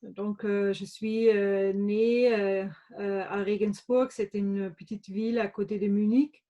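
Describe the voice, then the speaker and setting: A middle-aged German woman with a German accent answers interview questions conversationally, hesitating and restarting often. Her medium-pitched voice is mellow and fairly even, her pace slow, and the recording sounds muffled.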